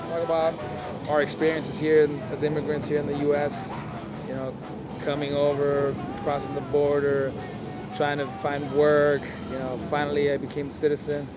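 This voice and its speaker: A man's voice: a little high, monotone, moderate pace, heavy background noise. A man from El Salvador, a punk band member, chatting casually outdoors with frequent laughs. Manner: chatty, laughs often, uses fillers. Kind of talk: casual interview. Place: outdoor festival plaza.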